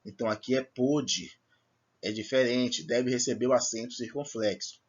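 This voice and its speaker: Husky teacher explaining patiently. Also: male voice, mid-range voice, level tone, fairly quick, muffled recording. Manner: patient, explanatory, checks understanding with "certo?" and "tá bom?". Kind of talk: recorded classroom lesson.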